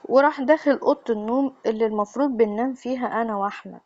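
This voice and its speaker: A woman with an Egyptian accent telling a first-person confessional story in a steady, plain way. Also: fairly high pitch, rapid-fire, dry recording, muffled recording. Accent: Egyptian Arabic.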